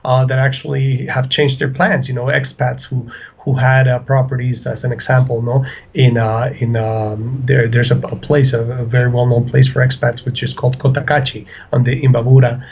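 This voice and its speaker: A man answering interview questions about his real estate company, pausing often with fillers and restarts. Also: medium pitch, little pitch movement, creaky, darkish tone, breathy edge, muffled recording. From Ecuador. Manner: hesitant, many fillers and restarts.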